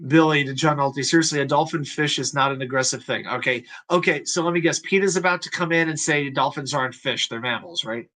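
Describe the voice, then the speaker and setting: A man hosting a live-stream sports talk show. His voice sits a little high and comes across bright and forceful. He talks casually and hesitantly, with plenty of fillers and restarts. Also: brisk, hardly any pauses. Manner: chatty, hesitant with many fillers.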